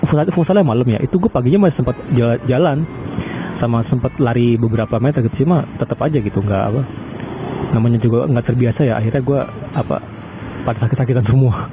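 A young man in his twenties rambles through a casual personal monologue, pausing often with fillers and restarting his sentences. His voice sits at an ordinary middle pitch. Clear traffic noise carries behind him outdoors. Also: lo-fi sound. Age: 20s. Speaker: podcaster.

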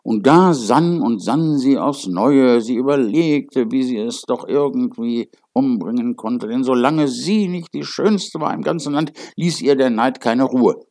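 A man reading a fairy tale aloud as a storyteller, with an expressive, lively delivery. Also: medium pitch, unhurried, few pauses, no echo, studio quality.

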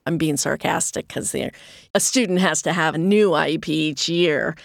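Woman in her sixties, gravelly voice, dry close sound, earnest and explanatory. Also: sits low, moderate pace, no echo. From United States. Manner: earnest and explanatory, with occasional laughs. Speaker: nonprofit chief executive, guest. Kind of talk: conversational interview.

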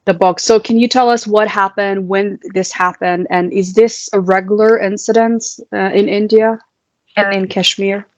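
A woman hosting a podcast interview, asking questions in a hesitant, halting way. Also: medium pitch, steady tone, no echo. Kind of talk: conversational interview.

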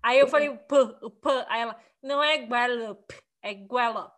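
A woman's voice: high voice, fast talker. A middle-aged woman, chatting casually on a podcast and retelling moments with her daughter. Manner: expressive, quotes her daughter in stories. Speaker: podcast co-host. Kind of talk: casual chat among friends.

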